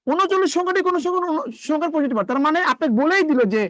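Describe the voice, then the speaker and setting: A man's voice: extremely high pitch, animated, very fast, a bit bright, no room sound, studio quality. A man teaching a live online math lesson, repeating questions to his students and drilling them step by step.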